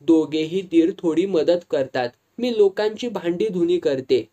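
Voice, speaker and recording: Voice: medium pitch, a little slow, mellow, lightly acted. A narrator voicing a sad young wife who speaks in a weary, subdued way.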